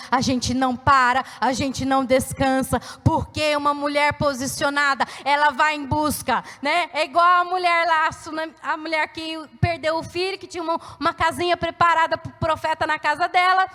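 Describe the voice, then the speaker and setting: Impassioned high-voiced woman preaching. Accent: Brazilian Portuguese. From Brazil. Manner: impassioned, repetitive preaching that swells into shouting. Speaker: pastor. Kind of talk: sermon. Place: church sanctuary. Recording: long church reverb.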